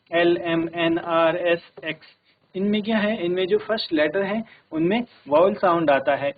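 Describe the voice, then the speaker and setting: A male English teacher, giving a classroom grammar lesson in a steady manner and often checking that everyone follows. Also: fairly high pitch. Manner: steady, repeats "ठीक है" to check understanding. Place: broadcast studio classroom. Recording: tinny phone-like audio.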